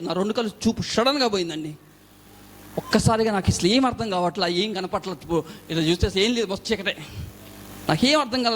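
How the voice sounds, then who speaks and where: A man preaching his testimony in a church, telling his story in an animated way and acting out the people he quotes. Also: high-pitched. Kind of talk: testimony sermon.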